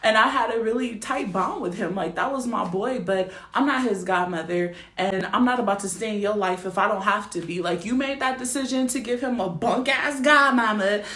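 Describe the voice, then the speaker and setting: A woman's voice: a little high, a little fast, hardly any pauses, fairly bright tone. A woman in her twenties telling a story to her viewers as a vlogger, blunt and emphatic, swearing freely and often asking whether they follow her. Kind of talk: casual storytelling rant to camera. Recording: roomy echo.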